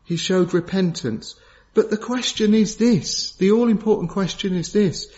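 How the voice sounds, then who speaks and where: A man preaching a sermon in an earnest, solemn way. He repeats key phrases for emphasis and swings from raised, urgent questions to low, hushed gravity. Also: moderate pace. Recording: dull lo-fi sound.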